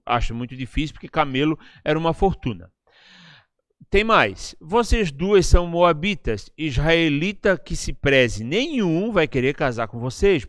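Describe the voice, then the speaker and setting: A man's voice: on the high side, smooth, no room sound, clean studio sound. A man with a Brazilian Portuguese accent preaching a sermon in a conversational, teaching way, often checking in with his listeners. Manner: chatty, tags lines with questions to the listeners. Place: church service, live-streamed.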